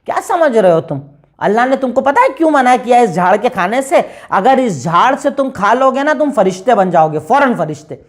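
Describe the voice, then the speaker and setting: A woman giving a religious lecture, emphatic, asking rhetorical questions and answering them, reciting Arabic verses slowly. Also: fairly high pitch, very animated. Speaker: Islamic preacher.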